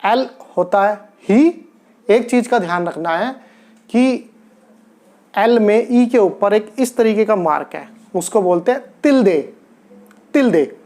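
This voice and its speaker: Slow, deliberate male language teacher. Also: high-pitched, expressive, darkish tone. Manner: deliberate, repeats key words for learners. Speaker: Spanish teacher. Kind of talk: grammar lesson explained step by step.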